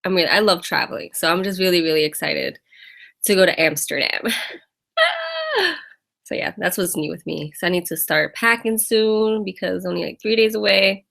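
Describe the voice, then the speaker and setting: Greeting viewers by name and laughing as she chats, a woman from the US hosts a laid-back live fitness Q&A. Her voice is on the low side, creaky yet fairly bright, at a normal speed.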